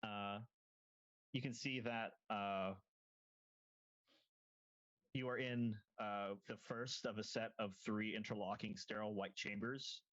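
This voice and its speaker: A man acting as game master, narrating scenes in a halting way with many ums and restarts. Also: fairly low pitch, fairly even intonation, a bit bright, highs cut off.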